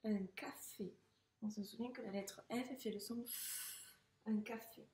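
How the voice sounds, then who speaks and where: A woman teaching first graders to read, speaking slowly and patiently, sounding out syllables and gently encouraging the child. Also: fairly high pitch, steady tone, slight background noise. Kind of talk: slow, patient reading lesson for young children. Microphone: camera. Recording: echoey room.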